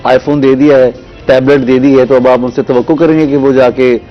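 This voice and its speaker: A man speaks in an unhurried, reflective way as a guest, pausing with small hesitations. His voice sits at a middle pitch. The broadcast audio is dull and muffled, with faint music underneath. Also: little pitch movement. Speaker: guest poet. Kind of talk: conversational interview.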